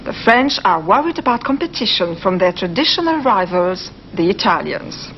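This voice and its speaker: A female presenter giving a measured, scripted documentary narration. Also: medium pitch, sing-song, noisy background. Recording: muffled old broadcast recording.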